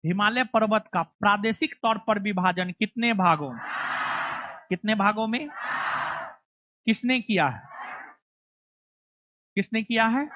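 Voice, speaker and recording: A woman leads a classroom lesson at an unhurried pace. She coaxes and scolds her students as she drills them. Her voice sounds dry and close, with no room echo. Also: mid-range voice, fairly bright tone. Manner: coaxing, scolding students in a local dialect. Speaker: teacher. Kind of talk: classroom lecture.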